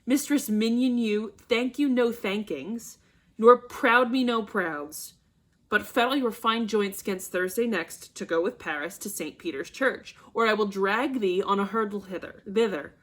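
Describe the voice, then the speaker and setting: A woman's voice: medium pitch, measured pace, lightly acted. Woman doing a raging old father. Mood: furious. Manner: shouting, scolding bursts. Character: angry domineering old father, a nobleman.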